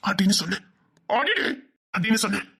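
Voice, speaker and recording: A woman plays a villager who speaks with stern, insistent fondness in a rural dialect drama. Her voice is very husky and breathy and sits at a middle pitch for a woman. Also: very animated, normal speed, pushed and bright, full character voice. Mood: urging.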